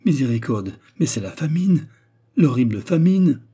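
A man voicing an excitable, greedy young gentleman in a read-aloud classic story, exclaiming dramatically. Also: mid-range voice, normal speed, slightly rough, pitched above the performer's own voice. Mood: frantic.

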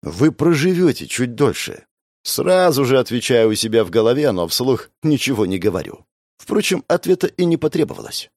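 Expressive male audiobook narrator. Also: medium pitch, fairly quick, no room sound, studio quality. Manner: expressive, wry, voices all the characters. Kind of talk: first-person audiobook narration.

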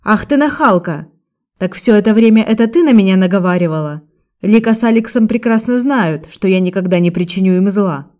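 A woman voicing an indignant, hot-tempered man who shouts accusations. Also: medium pitch, a little fast, close to an everyday voice. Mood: angry accusing.

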